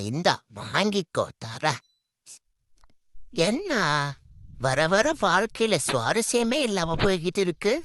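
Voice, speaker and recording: A man's voice: high-pitched, a bit bright, no room sound, studio quality. A man doing a playful, exaggerated comic voice-over that speaks for animals in funny clips.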